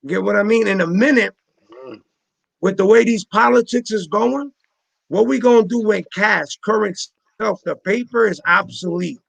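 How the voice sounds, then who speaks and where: A man's voice: high-pitched, moderate pace, creaky, fairly bright tone, no echo. A man in his forties hosting a casual panel chat on a video call, emphatic and full of street slang, repeating his points. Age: 40s.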